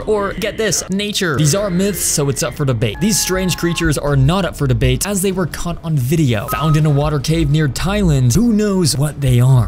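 Joking young man reacting to clips. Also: on the high side. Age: young adult. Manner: joking, quick quips, mock-dramatic asides. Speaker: YouTube host. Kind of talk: reaction commentary over clips. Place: bedroom streaming setup, indoors. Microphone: studio mic on arm, close. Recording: background music under voice.

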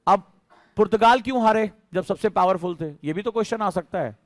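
A man's voice: high-pitched, a little fast, dry recording. A man teaching a history class in a conversational lecture style, asking his students questions as he explains.

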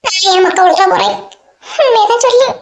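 A woman's voice: extremely high pitch, brisk, reverberant, noisy background. A woman with a Kanyakumari Tamil accent voicing chatty, scolding village women in a cartoon story. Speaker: cartoon voice artist.

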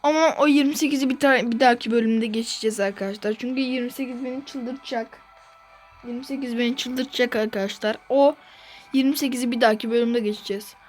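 A woman with a high voice talks through her gameplay for her channel, excitable and given to repeating the same phrase again and again. Faint game music plays underneath. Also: quick pace. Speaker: gaming channel host. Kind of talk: gameplay commentary.

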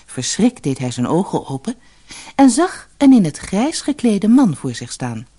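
Expressive woman reading a fairy tale. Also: medium pitch. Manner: expressive, measured storytelling. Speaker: storyteller. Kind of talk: scripted narration of a fairy tale.

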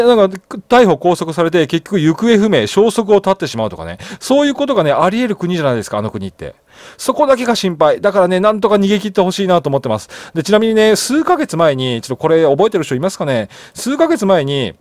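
A man's voice: sits high, a little mellow, dry recording. A man hosting a solo news commentary channel, reading articles aloud and chatting about them with frequent fillers and tag questions.

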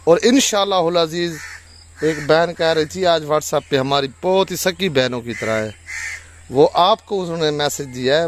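Devout man speaking gently to viewers. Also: fairly high pitch, a little hiss or hum. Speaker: vlogger, husband. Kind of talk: casual chat to viewers. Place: outdoors in a village.

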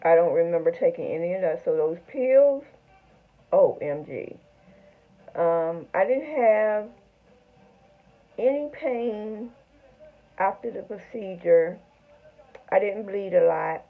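A middle-aged woman speaking without her front teeth, chatting haltingly to camera in a casual video diary. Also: medium pitch, expressive. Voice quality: toothless speech, front teeth missing. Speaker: vlogger. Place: small home room, indoors. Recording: tinny, phone-like narrow sound.

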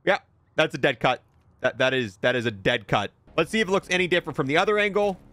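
Faint music plays behind a fast-talking gaming host as he gives relaxed commentary on a cosmetic bundle, working through his thoughts aloud. His voice is a little high and a bit bright.

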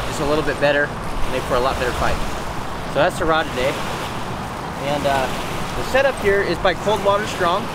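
A young man explains fishing rigs in a casual, step-by-step manner. His voice sits a little high for a man. Loud ambience from waves and passing boats runs under his voice outdoors. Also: heavy background noise. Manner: casual, instructive, talks viewers through steps with "okay?" checks. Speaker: fishing channel host. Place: outdoors on a riverbank by brush.

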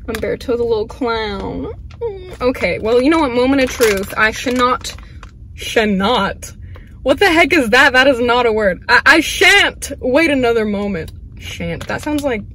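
A woman's voice: on the high side, fairly bright tone, slight background noise. Bubbly gushing young woman. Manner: bubbly, gushing, chatty with many fillers. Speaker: vlogger. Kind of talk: casual unboxing vlog.

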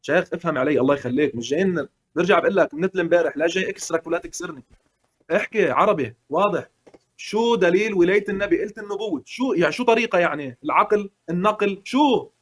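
Man, Lebanese accent, very fast talker, fairly high voice, argumentative, colloquial, heated debate.

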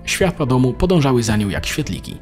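Man with a lively storytelling voice. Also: medium pitch, brisk, over music. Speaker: narrator. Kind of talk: scripted narration.

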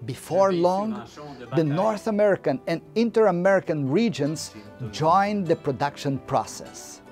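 Slow, measured male narrator over music. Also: sits high, expressive, a little mellow. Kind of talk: scripted narration.

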